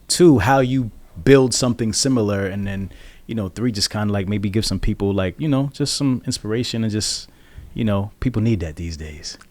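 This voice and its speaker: A man hosting a casual interview show, talking to his guests in a lively, upbeat way. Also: lowish voice, moderate pace, no room sound. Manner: upbeat, hype-style address to fans. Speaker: podcast host.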